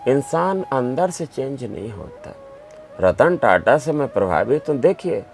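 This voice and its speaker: A man's voice: fairly high pitch, darkish tone. A man who is a doctor and writer, answering interview questions with emphatic, anecdotal storytelling.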